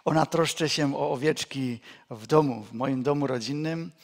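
A man preaching a sermon as a pastor, slow and deliberate, repeating key phrases and dropping to a quiet, low voice for emphasis, with touches of folksy storytelling.

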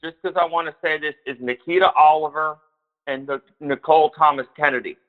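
A man's voice: fairly high pitch, steady tone, fairly quick. A man calling in over a choppy phone line, chatting casually, rambling and hedging with the odd swear word. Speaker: caller. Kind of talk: casual call-in chat.

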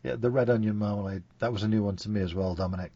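A man's voice: lowish voice, fairly even intonation, racing, mellow, dull audio. A man hosting a podcast, chatty and enthusiastic about food and beer. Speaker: podcast host. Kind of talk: casual chat.

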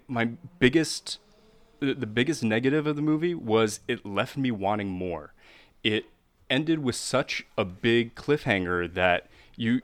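A man's voice: lowish voice, smooth, no echo. A young man earnestly giving his side of a film debate, listing his points one by one. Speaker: debater arguing the con side. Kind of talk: casual debate talk.

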